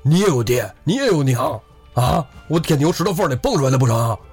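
Man doing a loud, rough sobbing outlaw. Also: medium pitch, lively intonation, brisk, soft background music, voice pushed up, lightly acted. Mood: tearful pleading. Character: rough weeping male outlaw, loud and stubborn.

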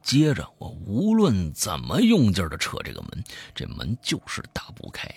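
A man who hosts a show, telling a scary story in the first person, swinging from hushed to loud. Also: on the low side, huge pitch swings, moderate pace, husky, no echo. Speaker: host reading a listener's story.

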